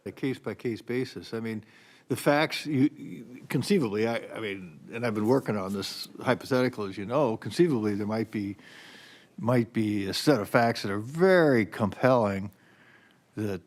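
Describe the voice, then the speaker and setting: A judge in his sixties speaks from the bench in a fairly low male voice. He muses through a question, rambling and restarting as he goes. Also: moderate pace. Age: 60s. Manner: musing, rambling with repeated restarts. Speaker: appellate judge. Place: large courtroom. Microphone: bench microphone, speaking through a face mask.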